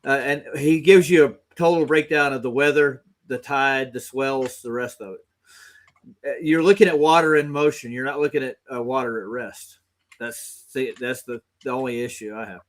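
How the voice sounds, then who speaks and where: Guy with a medium-pitched voice explaining stuff in a casual chat. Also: fairly even intonation, moderate pace.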